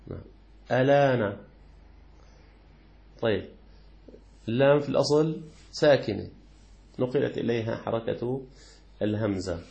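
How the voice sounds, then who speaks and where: A man teaches a classical jurisprudence lesson, his mid-pitched voice carrying a rough, gravelly edge. He explains patiently, repeating key words and posing questions that he answers himself. Now and then he slowly chants the words of the call to prayer. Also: a little mellow, lo-fi sound. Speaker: sheikh teaching Hanafi jurisprudence.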